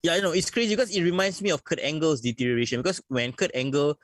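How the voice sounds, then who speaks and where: A man's voice: a little high, fast talker, no room sound. Blunt Singaporean man, dry close sound. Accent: Singaporean English. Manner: blunt, opinionated, laughs often, swears. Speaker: podcast co-host. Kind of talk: casual wrestling podcast chat.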